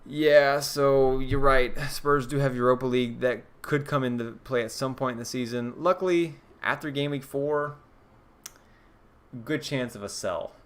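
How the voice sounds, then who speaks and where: A man's voice: mid-range voice, moderate pace, fairly bright tone. A young man streaming live, casually thinking aloud and answering viewer questions with plenty of ums and restarts. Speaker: fantasy football streamer.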